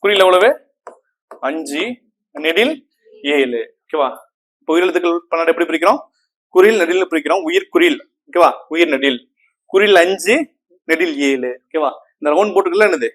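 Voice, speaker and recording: A man's voice: fairly high pitch, moderate pace, long pauses, fairly bright tone. A man teaching a Tamil grammar class, repeating key terms and often asking the students if they follow. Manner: asks the class frequent checking questions; repeats terms and counts on fingers.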